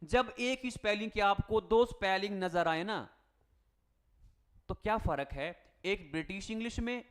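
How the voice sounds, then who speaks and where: A male teacher coaching exam students in a spelling lesson, speaking Hindi. He spells words out letter by letter and asks the class questions, then answers them himself. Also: sits high. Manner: calls students "beta" and "bhai" in a friendly coaching tone. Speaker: English teacher.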